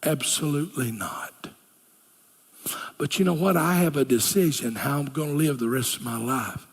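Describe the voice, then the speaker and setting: An older man preaches with a drawl, folksy and earnest, and now and then sinks into a hushed whisper to press a point home. His voice sits a little high and sounds husky. The sound rings out with the long reverb of a church hall. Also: normal speed. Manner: folksy, earnest, drops to a whisper for key lines. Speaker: pastor. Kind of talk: sermon. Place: church sanctuary.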